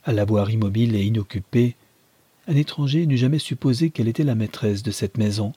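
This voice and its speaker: Dark, husky man reading a novel. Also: fairly low pitch, brisk, no echo. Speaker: audiobook reader. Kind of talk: scripted narration.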